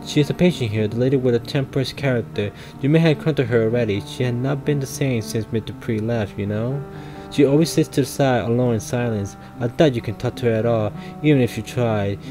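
A man's voice: mid-range voice, fast talker, over music, close to an everyday voice. A man voicing a guilt-ridden former army soldier, reading his game lines aloud in a plain, somber, confessional way.

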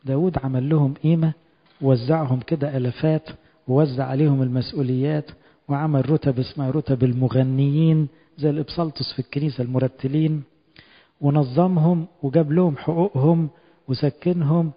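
Egyptian priest, husky voice, expressive sermon storytelling; dull lo-fi recording with a long hall echo. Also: male voice, fairly high pitch. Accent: Egyptian Arabic. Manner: expressive storytelling, reads scripture slowly and quotes with feeling.

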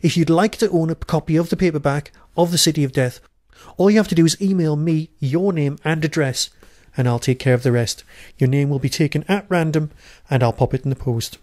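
A podcast host with a Geordie accent conducts a casual interview, talking eagerly and repeating words as he stumbles over how his sentences begin. His voice sits on the high side, a little fast and a little mellow.

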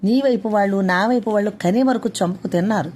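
A woman's voice: medium pitch, fast talker, a little mellow, slight background noise, close to an everyday voice. A woman voicing an indignant young working mother who argues sharply with her husband in a read-aloud story. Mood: angry.

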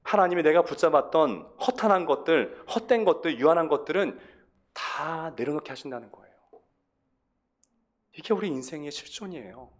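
A man's voice: fairly high pitch, animated, moderate pace. A male pastor preaching a sermon, stressing words emphatically and asking the congregation rhetorical questions.

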